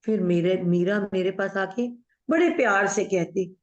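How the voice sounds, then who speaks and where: A woman with a mid-range, natural, unhurried voice plays a chatty, bossy middle-aged aunt in a play staged over a video call. She tells gossipy family stories, mixing Hindi with English. The video call audio is dull and muffled, with an echoey room.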